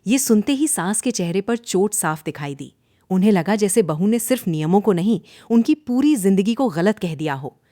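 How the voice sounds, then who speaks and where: A woman narrates a cartoon story in a dramatic way, her pitch rising and falling a great deal. The recording is close and dry, with no room sound. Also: animated, moderate pace, dark tone, no room sound.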